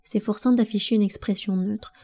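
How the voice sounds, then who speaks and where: A woman narrating a novel as an audiobook in an expressive, measured way. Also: mid-range voice, faint music behind. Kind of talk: scripted narration.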